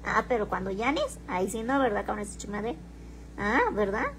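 A woman's voice: mid-range voice, a little fast, a little hiss or hum, low-quality recording. A woman chatting casually on a stream, teasing and defensive, with crude slang. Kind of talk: casual livestream talk.

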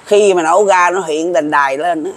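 A man's voice: high-pitched, normal speed, a bit bright. A man in his seventies with a Southern Vietnamese accent, talking to viewers in a rambling, folksy way and repeating himself. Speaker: folk prophecy commentator. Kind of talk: casual monologue to viewers.

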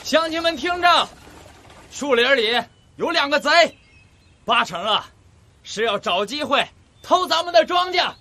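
A man's voice: extremely high pitch, lively intonation, measured pace, sharp tone, full character voice. An actor playing a rural male cart driver in an audiobook drama, hollering and jeering.

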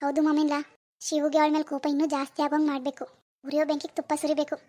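A woman's voice: high-pitched, completely flat delivery, rapid-fire, dark tone, close to an everyday voice. A woman voicing a sly scheming young woman. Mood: conspiring. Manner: sly, conspiratorial.

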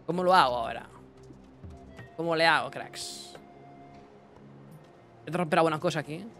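A young man giving casual let's-play commentary, excitable, talking to himself and his chat with bursts of yelps. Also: a little high, quick pace, faint music behind. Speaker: gaming streamer.

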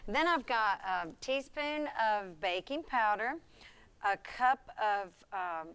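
A woman's voice: medium pitch, animated, takes it slowly, fairly bright tone, a little hiss or hum. A middle-aged woman, a cafe cook, chattily walking through a recipe step by step on a TV studio kitchen set. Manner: chatty, walks through steps while working with her hands. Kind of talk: cooking demonstration on TV.

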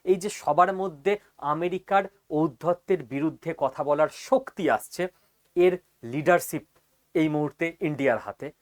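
A man giving an explainer lecture as a teacher, speaking emphatically and often checking that listeners follow. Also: on the high side.

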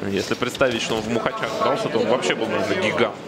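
A man's voice: on the low side, fairly even intonation, very fast. A man giving conversational live boxing commentary. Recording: loud crowd behind the voice. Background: arena crowd.

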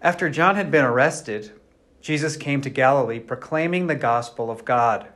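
A man of middle pitch leads Mass as priest, reading the Gospel and then easing into a homily. His delivery is measured and unhurried, like telling a story. His voice rings with a roomy church echo that fills the space around him. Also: a bit bright.

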